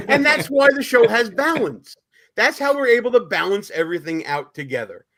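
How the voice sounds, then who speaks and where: Lively, high-pitched man with a Brooklyn accent. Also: moderate pace. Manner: chatty, profane, informal. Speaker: talk show host. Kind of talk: casual live political talk show.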